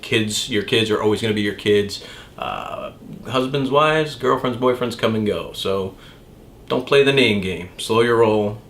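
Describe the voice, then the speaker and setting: A tattoo artist telling a rambling, profane story in a casual, chatty way. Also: male voice, fairly low pitch, measured pace, a bit bright.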